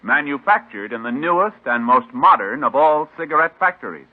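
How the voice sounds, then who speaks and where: A man doing formal 1950s radio announcing in a measured, declamatory way. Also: fairly high pitch, expressive. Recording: tinny old radio recording, music behind.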